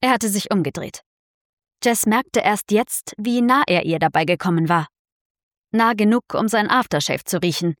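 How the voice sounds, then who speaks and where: A woman narrates a story in a measured, deliberate way, lingering on phrases for dramatic weight. Her voice sits in a middle register. The recording is dry and close, with no room sound. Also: mid-range voice, no room sound. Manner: slow, measured, dramatic reading. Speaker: audiobook narrator. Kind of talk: scripted narration.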